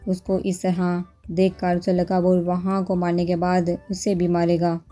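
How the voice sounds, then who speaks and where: A woman narrating a novel in a steady storytelling manner. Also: fairly low pitch.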